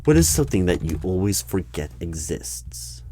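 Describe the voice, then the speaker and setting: A man doing an ASMR interview roleplay, asking questions in a deadpan, clipped manner. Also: low-pitched, normal speed, a little hiss or hum. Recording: keyboard typing heard throughout. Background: keyboard typing and clicks.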